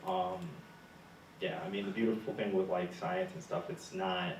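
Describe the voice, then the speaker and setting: A man's voice: low voice, very animated, moderate pace, creaky, roomy sound, distant mic, slight background noise, low-quality recording. A young man answering interview questions, telling stories with humor and laughing often. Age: young adult. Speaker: guest speaker, graduate student.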